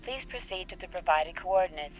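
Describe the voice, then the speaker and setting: A woman voicing a calm female station control officer, speaking formally over a radio comm transmission. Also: on the low side, faint music behind. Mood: official. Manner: formal, measured announcements. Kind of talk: scripted game dialogue. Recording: dull lo-fi radio channel.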